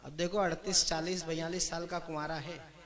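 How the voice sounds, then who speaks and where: A man's voice: fairly high pitch, flat delivery, moderate pace. A man from Madhya Pradesh, performing as a comic poet, who teases the audience between verses. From Madhya Pradesh, India. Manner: teasing banter with the audience. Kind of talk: stage comic poetry recital. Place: live stage before an audience. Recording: live stage with loud audience.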